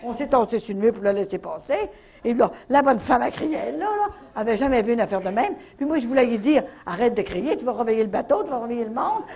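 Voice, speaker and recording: Husky older woman with a Canadian French accent. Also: a little high, fast. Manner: lively storytelling with frequent "là, hein" tags. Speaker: retreat speaker. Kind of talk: faith testimony storytelling.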